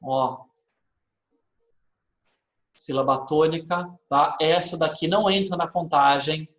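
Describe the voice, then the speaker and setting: A man's voice: a little high, takes it slowly, fairly bright tone, reverberant. A man, teaching a literature lesson and checking in often with his class.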